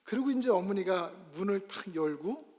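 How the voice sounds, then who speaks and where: A male pastor from South Korea telling a childhood story in a sermon, animated and acting out scenes, in a church sanctuary. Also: high-pitched, moderate pace, slight background noise. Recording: long church reverb.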